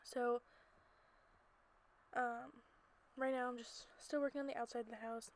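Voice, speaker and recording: A woman's voice: on the high side, little pitch movement, unhurried, low-quality recording. A woman giving a casual, rambling, giggly voiceover for a gameplay video, recorded in a small closet at home. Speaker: amateur video creator narrating gameplay. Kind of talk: casual chatty voiceover commentary. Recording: noticeable background noise.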